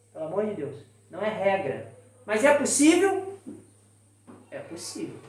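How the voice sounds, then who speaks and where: A woman's voice: a little high, echoey room, recorded from a distance. A woman with a Brazilian accent giving a spiritist sermon, putting rhetorical questions to her audience. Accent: Brazilian Portuguese. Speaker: spiritist lecturer. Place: spiritist center hall.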